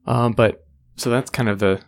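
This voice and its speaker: A man co-hosting a casual podcast, recapping a TV episode in a relaxed way with many fillers. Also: mid-range voice, normal speed, vocal fry, slight background noise. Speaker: podcast co-host.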